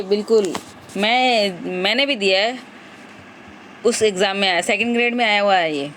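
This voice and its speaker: A woman with a slightly high voice leads an exam-prep grammar lesson. She reads each question and repeats its options aloud, patiently and steadily. A faint hiss of background noise runs under her voice. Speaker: teacher.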